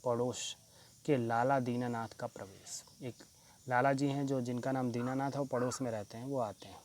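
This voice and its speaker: A man's voice: medium pitch, fairly even intonation, a little mellow, slight background noise. A male teacher reading a textbook play aloud and stopping to explain the meanings of words. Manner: pauses to explain word meanings.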